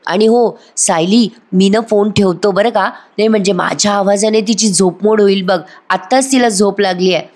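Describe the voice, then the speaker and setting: Middle-aged husband, calm and reassuring, voiced by a woman. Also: medium pitch, moderate pace, hardly any pauses, close to an everyday voice. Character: worried middle-aged man caring for his wife.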